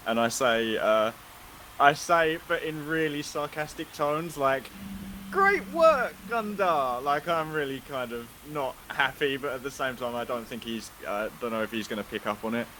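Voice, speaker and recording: A man's voice: medium pitch, fairly even intonation, normal speed, sharp tone, slight background noise. A man playing a tabletop game, describing his character's actions with frequent laughter and stammered restarts. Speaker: player.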